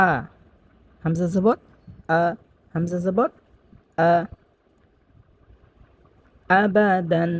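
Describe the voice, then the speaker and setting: A man's voice: on the high side, darkish tone. Patient man spelling words for learners. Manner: patient, spells letters slowly and repeats each word. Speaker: Quran reading teacher. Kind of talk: step-by-step spelling lesson.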